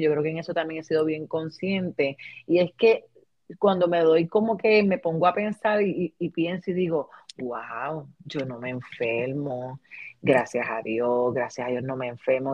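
A woman's voice: low voice, dry recording. A woman, chatting casually and reflectively about faith, laughing now and then. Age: 40s. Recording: dull dry sound.

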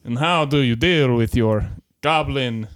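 A man's voice: medium pitch, measured pace, no echo, clean studio sound. A man playing a tabletop game in a mock-formal, theatrical way. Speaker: player. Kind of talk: in-character tabletop play.

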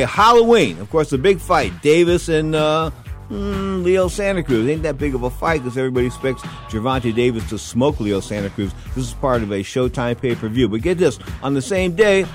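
A man hosting a sports talk radio show, speaking in emphatic, conversational radio patter. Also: mid-range voice.

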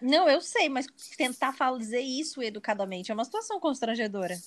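A young woman, telling an anecdote in casual podcast chat, expressive and chatty. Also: high-pitched, fast.

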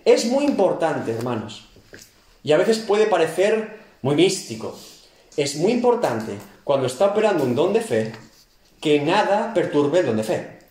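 A man's voice: on the high side, very animated, unhurried, darkish tone, echoey room. A man teaching a seminary Bible class, acting out scenes and asking the class rhetorical questions. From Galicia, Spain. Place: church classroom.

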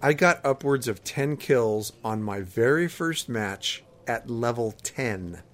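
A man's voice: mid-range voice, animated, slow pace. A man co-hosting a podcast, chatting casually and explaining things in a conversational way. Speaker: podcast co-host. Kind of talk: casual chat, recounting gaming. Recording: faint background ambient noise.

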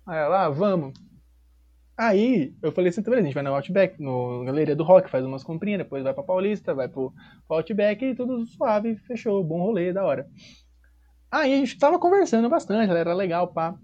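A man with a São Paulo accent spins a casual, slangy story, acting out quoted dialogue. His voice is mellow and warm. The recording sounds dull and lo-fi. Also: high voice, expressive, a little fast. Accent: São Paulo Portuguese. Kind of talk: casual chat.

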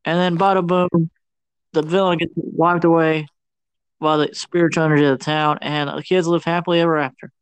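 A man with a somewhat high voice gives a slangy, animated movie recap on a podcast. The recording is dry and close, with no room sound. He acts out the characters as he goes. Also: fairly quick, clear, resonant tone, no room sound. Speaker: podcast co-host.

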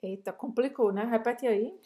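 Woman, fairly high voice, chatty co-host, podcast lesson. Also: normal speed, warm tone. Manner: chatty, asks follow-ups and explains in Portuguese.

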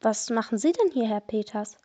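A woman's voice: on the high side, animated, normal speed, warm tone. Woman reading a curious teen girl sleuth. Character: curious, careful teenage girl detective.

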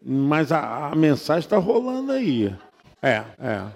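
A man's voice: a little high, sing-song, slow, creaky, darkish tone. A male pastor giving an informal church teaching to his congregation in a chatty way, now and then mimicking sounds with repeated syllables. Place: church sanctuary. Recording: reverberant church hall.

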